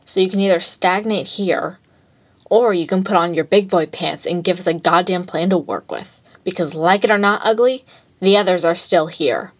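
A woman's voice: fairly low pitch, moderate pace, natural voice. A woman voicing a brash, mocking male villain in a fan fiction reading, blunt and crude. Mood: taunting. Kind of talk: fan fiction read aloud.

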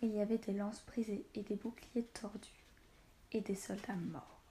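A woman narrating a storybook in a calm, measured way. Her tone is mellow and dark-edged rather than bright. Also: mid-range voice, slight background noise. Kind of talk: storybook reading.

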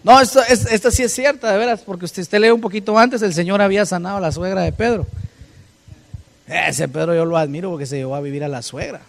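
A man preaching a sermon, firing rhetorical questions at his congregation and swinging between loud and soft. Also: high-pitched, quick pace, creaky. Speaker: pastor.

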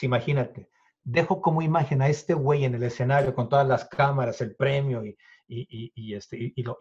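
A man's voice: mid-range voice, darkish tone, breathy edge. A Mexican man in his fifties telling a story in an interview. He acts out the dialogue and swears freely. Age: 50s. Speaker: guest, illusionist. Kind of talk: animated storytelling in conversation. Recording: dull lo-fi recording.

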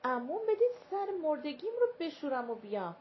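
A woman voicing an old nanny woman in a storybook reading, soft and secretive. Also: high-pitched, big pitch swings, voice pushed up. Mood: eager. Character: old nanny woman, hiding her sorrow. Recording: dull lo-fi recording with faint hiss.

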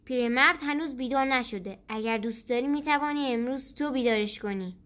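A woman narrating a bedtime story for children, speaking gently and addressing them directly as host of her podcast. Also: high-pitched.

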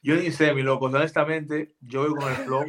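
A man's voice: fairly high pitch, flat delivery, normal speed, fairly bright tone. A man, a guest basketball player, chatting casually in a loose, slangy, laughing way. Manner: laid-back, slangy, laughing. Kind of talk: casual chat.

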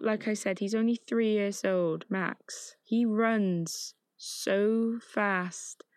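A woman's voice: mid-range voice, no room sound, clean studio sound. A woman recapping a film's plot in a chatty, emotive way, often saying "like". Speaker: film reviewer. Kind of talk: casual film plot recap.

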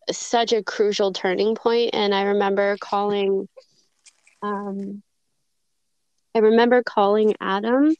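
Interview guest: woman, unhurried and hesitant, clean smooth voice, dull lo-fi recording. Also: medium pitch, dry recording. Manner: reflective, hesitant, many fillers and restarts. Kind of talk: podcast interview, recounting a personal story.

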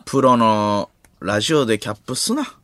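A young man with a Kansai accent hosts late-night radio in a studio. His voice is bright and lively, swinging up and down as he teases his partner with mock outrage. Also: fairly low pitch, no room sound. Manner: quick teasing banter, mock outrage. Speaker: radio host.

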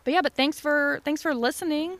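A woman's voice: sits high, fairly quick, fairly bright tone, no echo. A woman co-hosting a podcast in casual, chatty conversation, recorded at a desk mic at home. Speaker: podcast co-host. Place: home basement with no door. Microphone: desk microphone.

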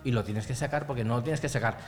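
A man's voice: medium pitch, fast talker, darkish tone, big-room sound, faint music behind. A man from Spain co-hosting a comedic podcast, rambling in an easygoing way about his week. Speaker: podcast co-host.

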